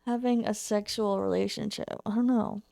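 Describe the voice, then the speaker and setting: A young woman talking frankly in casual conversation, quick to sound irritated and unbothered by swearing. Her voice has a gravelly, creaky edge at a middle pitch. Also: steady tone, warm tone, dry recording. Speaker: podcast guest. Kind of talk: casual chat.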